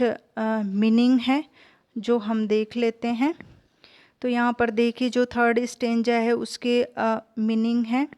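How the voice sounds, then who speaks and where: A woman, teaching a poem and explaining its meaning line by line, with frequent pauses and fillers. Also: fairly high pitch, a little mellow, clean tone. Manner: slow, hesitant explaining with fillers, mixing English terms into Hindi. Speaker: English literature teacher.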